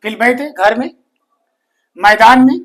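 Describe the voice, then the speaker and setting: A man teaching a grammar lesson, slowly repeating each phrase and answering his own questions. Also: very high voice, fairly bright tone. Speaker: Arabic teacher.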